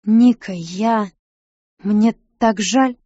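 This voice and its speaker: A woman reading a story aloud, voicing a weary, guilty grown man who speaks haltingly. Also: medium pitch, darkish tone, dry recording, lo-fi sound, close to an everyday voice. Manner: subdued, halting.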